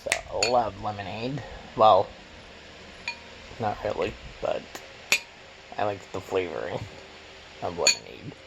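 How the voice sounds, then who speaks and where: A man's voice: fairly low pitch, big pitch swings, slow, gravelly, pauses often, highs cut off. A man vlogging casually as he eats, rambling and repeating himself for emphasis. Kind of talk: casual mukbang chat while eating. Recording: noisy room, clattering cutlery and dishes.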